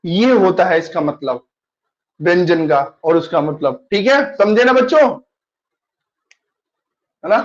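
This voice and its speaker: A man's voice: high voice, lively intonation, slow pace, long pauses, lo-fi sound. A male teacher taking an online class, patiently explaining and repeating questions to his students.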